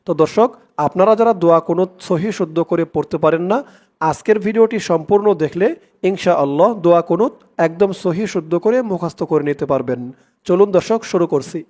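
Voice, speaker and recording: A man with a Bangladeshi Bengali accent, teaching prayer recitation syllable by syllable and reciting in a drawn-out way. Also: high voice, darkish tone. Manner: spells out each syllable, then recites drawn out. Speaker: religious teacher. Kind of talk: slow recitation lesson.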